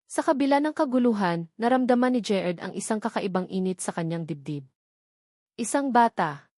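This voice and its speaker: A woman with a Filipino accent narrates a scripted dramatic story in a mid-range, darkish voice with lively intonation and a moderate pace. The studio sound is clean, with no echo.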